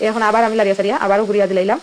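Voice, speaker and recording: A woman's voice: medium pitch, little pitch movement, very fast. A woman with a Sylheti accent, chatting casually as she walks through a home recipe step by step. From Sylhet, Bangladesh. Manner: chatty, explains each step as she cooks. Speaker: cooking vlogger. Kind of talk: casual cooking narration.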